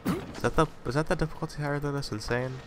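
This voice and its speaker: With faint music in the background, a man jumpily comments on the horror game he's playing, cursing and muttering offhand remarks. His voice is a little high, his pace quick, and a lingering cold leaves him slightly congested.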